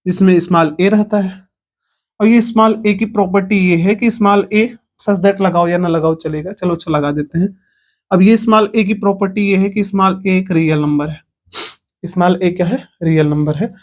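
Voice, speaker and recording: High-voiced man teaching a maths lesson. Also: steady tone, normal speed. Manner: explains step by step, asks the class questions. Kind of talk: online lecture.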